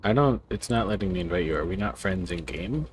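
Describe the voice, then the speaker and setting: A man's voice: sits low, lively intonation, brisk. A man streaming a game and chatting casually with his friends. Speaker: streamer hosting friendly matches. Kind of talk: casual gaming chat. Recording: clearly noisy gaming voice chat. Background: background noise and ambience.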